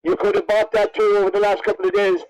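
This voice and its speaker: An Irish MC from Cavan runs a best dressed contest at the horse races, announcing and interviewing over the PA with jokey teasing. He talks fast in a high, sing-song, creaky voice that is darkish, clear and resonant. The audio quality is poor.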